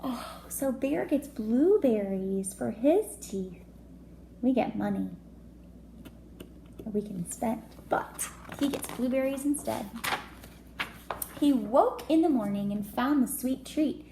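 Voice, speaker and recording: With a fairly high, noticeably creaky voice, a kindergarten teacher unhurriedly reads a picture book to little kids, pausing to chat, ask questions and comment in an expressive, child-directed style. Faint noise sits under the echo of the room.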